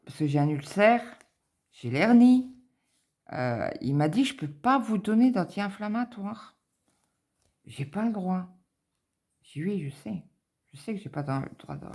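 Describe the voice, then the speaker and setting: Middle-aged woman chatting away nervously, low voice, repeats herself a lot. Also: a little mellow. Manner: anxious, rambling, many fillers and repeats. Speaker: cross-stitch vlogger. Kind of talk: casual chatty monologue.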